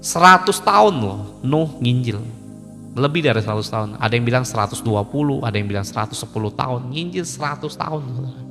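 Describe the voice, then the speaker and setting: A man's voice: mid-range voice, expressive, fairly quick, gravelly, over music. A male pastor giving an informal, colloquial sermon, joking and acting out conversations as he preaches. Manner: colloquial, joking, acts out dialogues. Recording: long hall reverb.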